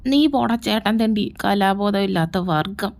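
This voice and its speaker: A woman's voice: mid-range voice, moderate pace, creaky, soft background music, natural voice. A woman voicing a bossy, teasing young elder brother in a fan fiction audio story, talking in a sarcastic, nagging way.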